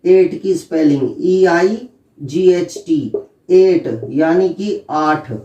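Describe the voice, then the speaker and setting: A male English teacher giving a spelling and pronunciation lesson, spelling words out letter by letter and repeating them slowly. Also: fairly high pitch, dark tone, lo-fi sound. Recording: roomy echo, distant mic.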